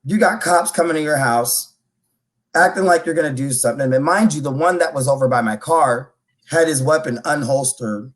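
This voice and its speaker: Man retelling a story, animated and loose. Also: on the high side, moderate pace. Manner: animated retelling with restarts and swearing. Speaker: podcast co-host. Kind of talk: casual conversation.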